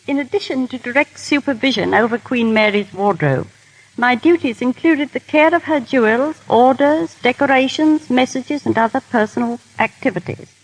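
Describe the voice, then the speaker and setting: In a scripted 1930s radio interview, a woman guest who was once a royal dresser and now serves as technical advisor tells genteel, formal anecdotes. Her voice is high-pitched and expressive at a normal speed. The vintage broadcast is low in quality.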